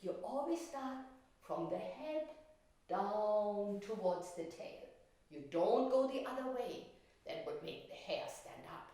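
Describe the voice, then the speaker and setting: In a wooden-floored indoor classroom, a woman in her sixties tells stories and teaches painting, keeping her explanations simple for small children. Her mid-range voice is warm, expressive and slow. The recording is very echoey, with the mic placed far away.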